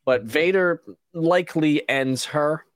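A man's voice: a little high, slow pace, dry recording, studio quality. A man hosting a casual show review chat, rambling and opinionated, with frequent restarts. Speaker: podcast host.

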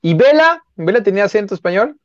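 A Mexican man hosting a casual football talk show, asking questions in a relaxed way. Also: high-pitched, fast talker, no echo, dull audio. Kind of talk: casual sports chat.

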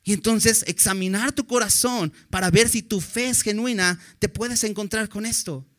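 Male preacher, fairly high voice, earnest and direct, keeps asking the congregation questions. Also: normal speed, fairly bright tone. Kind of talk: sermon.

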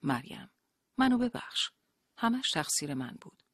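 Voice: mid-range voice, very animated, a bit bright, dry recording, studio quality, pitched above the performer's own voice. A narrator voicing a frightened young woman who pleads and answers under questioning in an audiobook. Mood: pleading. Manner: trembling, pleading.

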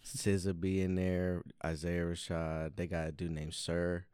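A man's voice: deep voice, flat delivery, moderate pace, darkish tone, clean tone, no room sound, clean studio sound. A man co-hosting a casual podcast, laid-back and slangy, laughing often. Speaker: podcast co-host. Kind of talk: casual stoner chat.

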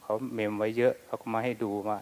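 A Buddhist monk calmly recounting his own experiences in a halting way, often repeating words. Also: fairly low pitch. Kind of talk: personal recollection. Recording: long hall reverb.

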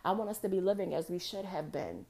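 A woman's voice: on the low side, very animated, quick pace, creaky, mellow. A young woman hosting her own podcast, venting frustrations in a passionate, profane monologue that runs emotional and close to tears. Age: young adult. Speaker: podcast host.

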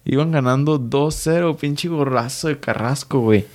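A man's voice: mid-range voice, normal speed. A young man with a Mexican Spanish accent chatting casually about soccer, joking and swearing in heavy slang.

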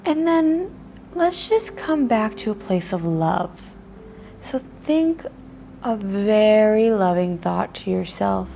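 Meditation guide, woman: unhurried, soft and soothing, with a gravelly edge. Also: mid-range voice, animated, a little hiss or hum. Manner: slow, soft and soothing, with breathy pauses.

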